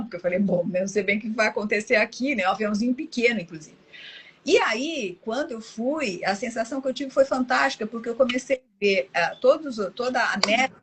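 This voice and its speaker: Husky woman chatting. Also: on the high side. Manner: reflective, tags sentences with "né?". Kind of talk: casual chat.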